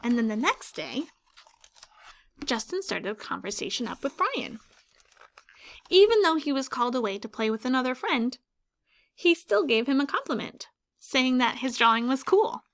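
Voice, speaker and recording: Very animated and high-pitched, a female teacher reads a picture book to children and pauses to quiz them about what's happening in the story.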